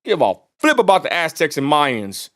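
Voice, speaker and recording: This Texan livestream host has a West Texas accent and rants bluntly, with plenty of profanity. He speaks at a moderate pace in a fairly high, slightly bright voice whose pitch swings wildly.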